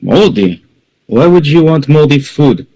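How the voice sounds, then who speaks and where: A man's voice: a little high, very animated, a little slow, mellow, slight background noise, voice pushed up, rough recording. A man voicing a grudging male tavern server in a tabletop game, with fumbling words. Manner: begrudging, fumbling with filler words.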